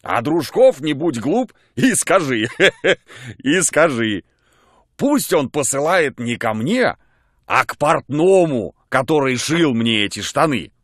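A rowdy, drunken young captain, as a man acts him out in an audiobook. He jeers loud and high. The mic is dry and close. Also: big pitch swings, slow, no room sound, full character voice. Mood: jeering. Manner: jeering, laughing. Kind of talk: audiobook character voice.

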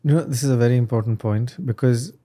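Guy in his 30s hosting a podcast, mellow voice, waves his hands around a lot. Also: medium pitch, fast. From Dubai. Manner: animated, talks with his hands. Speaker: podcast host. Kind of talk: conversational interview. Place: studio set with desk. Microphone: desk boom mic.

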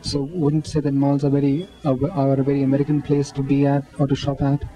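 A man's voice: mid-range voice, little pitch movement, a little fast, warm tone, poor audio. Hesitant male interviewer. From Pakistan. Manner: hesitant, many ums and restarts. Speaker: street interviewer. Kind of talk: amateur vox-pop interview. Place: indoor shopping mall. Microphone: handheld mic.

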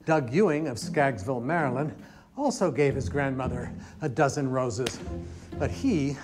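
An actor playing a fussy, frantic afterlife architect man with a theatrical delivery, heard in a TV clip with loud music underneath. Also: mid-range voice, normal speed, close to an everyday voice. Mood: explaining.

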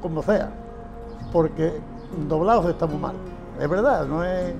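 Sitting on a shaded patio with background music beneath him, a former patient gives plain-spoken, casual interview answers, often chuckling and repeating himself. This older man's voice is on the high side, gravelly, and a little slow.

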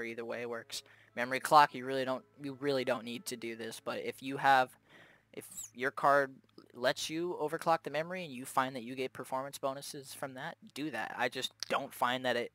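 This young tech host, speaking at a medium pitch with a fairly bright tone and no echo, walks through graphics card overclocking in relaxed, off-the-cuff commentary. Loud fans run in his home gaming setup, and he chats freely with plenty of fillers and the odd curse word.

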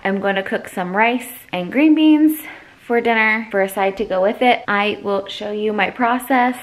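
A woman's voice: mid-range voice, fairly bright tone. A woman in her forties chatting casually as she cooks in her home kitchen, filming on a handheld phone and walking through each step. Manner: chatty, talks while cooking, many restarts. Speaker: home cook vlogger. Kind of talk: casual cooking vlog narration.

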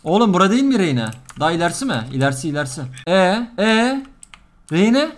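A young man giving excitable gameplay commentary, swearing, shouting mock threats and joking with his viewers. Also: high-pitched, fast, background noise. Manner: playful, talks to viewers and chat. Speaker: gaming video creator.

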